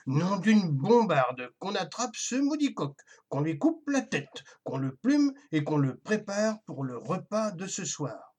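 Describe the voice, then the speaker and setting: A storyteller voicing a pompous, short-tempered baron who blusters and shouts. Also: high voice, very animated, a little slow, voice pushed up, exaggerated voice. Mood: raging.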